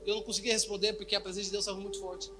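A man's voice: sits high, little pitch movement, rapid-fire. A young man preaching a testimony sermon, repeating phrases and quizzing the congregation. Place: church hall, indoors.

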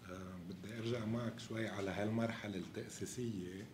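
A man's voice: on the low side, fairly even intonation, fast talker. A man with a Lebanese Levantine Arabic accent, asking questions as the interviewer in a film discussion. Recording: echoey room with loud noise.

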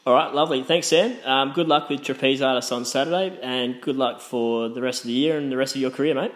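An Australian man works as an interviewer, putting questions in a casual style. His voice is mid-pitched, and his phrasing is friendly and a little hesitant. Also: brisk, a little hiss or hum.

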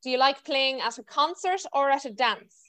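A woman's voice: high voice, lively intonation, moderate pace, fairly bright tone. A woman with a west of Ireland, County Mayo accent, hosting a casual, chatty podcast interview over a video call. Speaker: podcast host.

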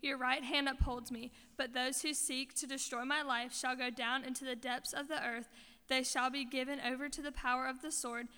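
A woman reading scripture aloud in church at a measured, even pace. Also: sits high, smooth. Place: church sanctuary. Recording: long hall reverb of a church.

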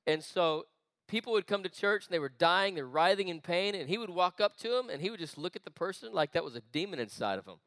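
A man preaches to a young crowd in a loose, chatty way, throwing in asides and quick questions. His voice sits high and swings widely in pitch. The sound is dry and close. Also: animated, a bit bright, no room sound. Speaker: youth pastor. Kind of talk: energetic sermon. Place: church meeting room.

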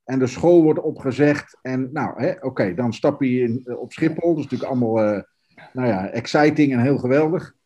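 Male interviewer, soft-edged dark tone, slightly rough husk, conversational, feels his way through questions. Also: medium pitch, a little fast. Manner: searches for words, rephrasing questions.

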